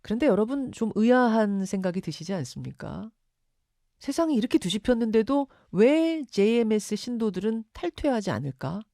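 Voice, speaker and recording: A woman's voice: fairly high pitch, sing-song, moderate pace, dark tone, dry recording, studio quality. A woman hosting a radio news interview, articulate and emphatic, posing questions to the listeners and the guest. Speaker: radio news show host.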